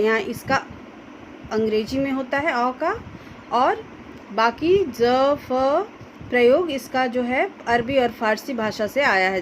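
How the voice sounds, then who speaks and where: A woman teacher explaining a grammar lesson to students slowly, carefully pronouncing each example sound. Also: fairly high pitch, a little hiss or hum, rough recording. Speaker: school Hindi teacher.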